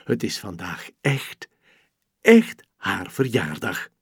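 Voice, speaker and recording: A man reads a children's story aloud at an unhurried pace, lingering over each phrase. His voice is a little husky and moves through a lively range of pitch. The sound is close and dry, with no room around it. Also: dry recording. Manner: slow, expressive, gentle storytelling.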